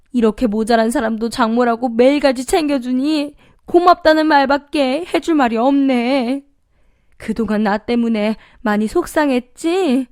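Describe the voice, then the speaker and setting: An older mother-in-law played by a woman storyteller speaks down to her son-in-law in old-fashioned, commanding phrasing. The voice sits a little high and rings clear and smooth. The recording is dry and close, with no room sound. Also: darkish tone, no room sound, lightly acted. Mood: remorseful. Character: older mother-in-law, bossy then softened. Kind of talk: storytelling radio reading.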